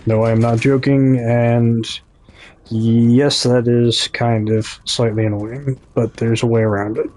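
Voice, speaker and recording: A man's voice: mid-range voice, little pitch movement, measured pace, warm tone, a little hiss or hum. A man with a Midwestern American accent giving casual gameplay commentary, chatty and talking straight to his viewers, often correcting himself mid-thought. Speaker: gaming YouTuber.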